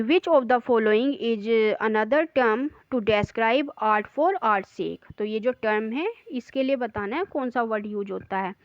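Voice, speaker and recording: A woman teacher with a somewhat high voice, taking each quiz question slowly and deliberately. The recording is dry and a little dull, like a basic home lo-fi setup. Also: dry recording. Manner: reads quiz options slowly, then explains quickly in Hindi. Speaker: English teacher. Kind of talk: exam practice lesson.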